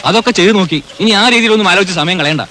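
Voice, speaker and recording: A cautious rescue official in a film drama, issuing firm warnings. His voice is fairly high and sharp-edged. He speaks fast. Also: a little hiss or hum, rough recording.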